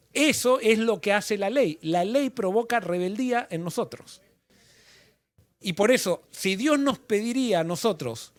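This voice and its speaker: A man's voice: sits high, no echo. A male pastor leading an interactive Bible study, asking the class questions and repeating their answers.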